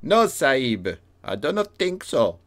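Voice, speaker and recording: A man voicing a haggling male bazaar merchant in stiff, formal English with a put-on foreign accent, higher than his own voice. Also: measured pace, a bit bright, soft background music.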